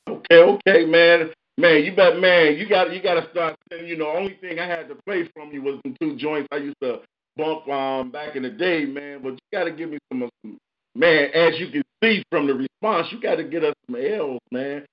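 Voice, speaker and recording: A man's voice: a little high, normal speed, lo-fi sound. Laid-back, profane man hosting a call-in show. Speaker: radio show host. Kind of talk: casual call-in show talk.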